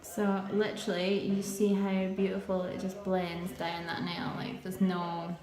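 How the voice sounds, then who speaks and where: A woman's voice: on the low side, completely flat delivery, a little slow, echoey room, crowd noise. A woman nail technician giving a chatty live tutorial, quizzing and teasing her viewers.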